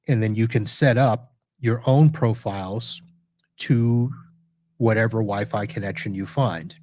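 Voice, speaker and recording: Speaking at a fairly low pitch, a male podcast host who reviews network gear casually walks through a live software demo while sharing his screen. He's chatty and corrects himself as he clicks around, and there's no echo.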